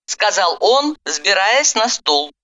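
A woman narrating a first-person audiobook in a lively, expressive way. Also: medium pitch, slow, no echo.

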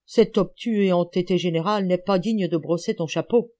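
A woman reading an audiobook, voicing an elderly, gouty male amateur detective who is excited, teasing and lecturing. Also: lowish voice, moderate pace, close to an everyday voice. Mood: jubilant.

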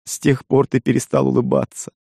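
A man's voice: mid-range voice, sing-song, brisk, dark tone, slightly rough, no room sound, studio quality, pitched above the performer's own voice. A man voicing a loving, resolute young island woman who speaks earnestly and pleads with feeling. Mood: reproachful.

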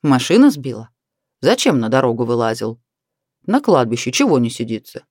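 A woman's voice: rumbling low, big pitch swings, moderate pace, a little mellow, dry recording, clean studio sound, voice pushed down, exaggerated voice. A woman voicing a stern but kind older male cemetery watchman who grumbles at a cat. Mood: grumbling.

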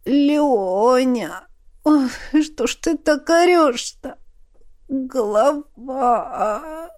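Woman playing a snappy, sharp-tongued agent woman. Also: high voice, expressive, unhurried, pitched above the performer's own voice. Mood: groaning.

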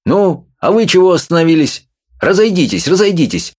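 A man's voice: high-pitched, very animated, moderate pace, pitched above the performer's own voice. A man reading an audiobook and voicing a bossy police constable who barks orders. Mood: commanding. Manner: commanding shouts.

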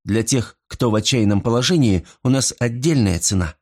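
A man's voice: mid-range voice, moderate pace, darkish tone, lightly acted. A man voicing a young woman bartender who teases her customers in a dry way. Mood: teasing. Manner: teasing, dry.

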